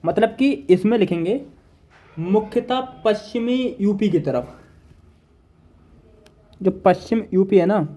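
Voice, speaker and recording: A man's voice: high-pitched, takes it slowly, long pauses, mellow. A man teaching Hindi grammar in an online exam-prep lesson, repeating each point while he writes notes. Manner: repetitive, drills each point with "देखिए" and "ठीक है"; talks while writing notes on a board.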